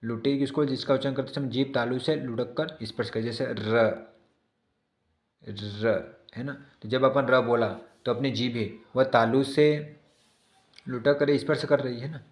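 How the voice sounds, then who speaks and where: A man's voice: mid-range voice, fairly even intonation, moderate pace, echoey room. A male teacher giving an exam-prep lesson who repeats each definition and keeps checking in with his listeners.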